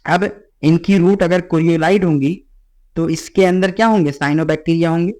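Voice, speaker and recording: A man teaching a biology exam-prep lecture. He mixes Hindi with English lines he reads slowly and keeps checking in with "theek hai.". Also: on the high side, darkish tone. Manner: repeats "ठीक है" as a check-in with students.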